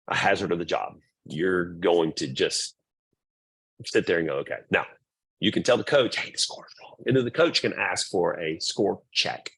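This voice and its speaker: A man's voice: deep voice, vocal fry, a bit bright, slightly rough. A middle-aged man presenting to volleyball parents, blunt and repetitive, acting out quoted remarks. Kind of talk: parent orientation talk.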